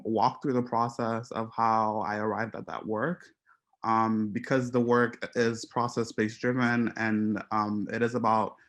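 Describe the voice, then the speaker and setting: A man from Haiti giving an artist talk about his photographs, speaking in a hesitant, reflective way with many pauses and restarts. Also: on the low side, a bit bright. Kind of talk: presenting slides to an audience.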